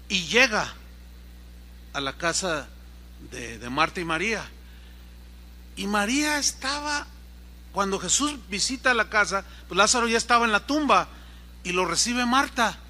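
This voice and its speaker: A man's voice: high voice, lively intonation, measured pace, long pauses, pushed and bright, slight background noise. A man pastor giving a sermon, retelling a story and acting out its dialogue. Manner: storytelling preacher who acts out the dialogue. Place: church service.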